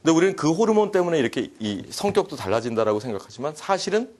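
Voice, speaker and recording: A man giving a humorous psychology lecture to a class, animated and joking, often acting out quoted dialogue. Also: on the high side, fast. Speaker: university lecturer.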